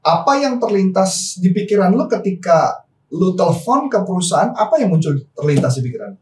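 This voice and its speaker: A man with a fairly high voice explains business calling in a loose, chatty coaching style. He sounds set back from the mic in a roomy, echoing space. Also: a little fast. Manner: relaxed, explanatory, mixes slang and English phrases. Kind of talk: casual coaching talk. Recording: echoey room from far off.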